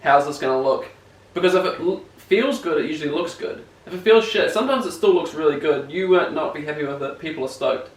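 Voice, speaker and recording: Fairly high-pitched and quick, a young man with a broad New Zealand accent chats casually while being interviewed as a BMX rider. He rambles, leans on slang and is self-deprecating. The audio has an echoey room sound, a distant mic and faint noise.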